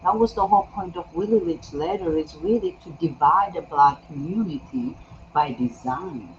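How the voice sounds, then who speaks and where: A man's voice: fairly high pitch, normal speed. A man from Ethiopia hosting an interview, speaking earnestly and often affirming his guest. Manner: earnest, frequent affirming "yeah". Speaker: host. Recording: muffled recording with faint background hum.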